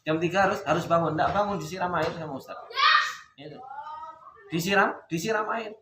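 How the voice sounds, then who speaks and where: A man's voice: high voice, a little fast. A young man giving an informal religious talk, telling stories and asking rhetorical questions. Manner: storytelling with rhetorical questions, Javanese words mixed in. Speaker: religious teacher. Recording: echoey room with background noise.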